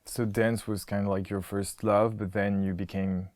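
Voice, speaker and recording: Male interview host, deep-pitched, fan-like and chatty, loose filler-heavy questions. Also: little pitch movement, normal speed, darkish tone, no room sound. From Europe. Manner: enthusiastic fan, many "like" fillers. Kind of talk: casual interview chat.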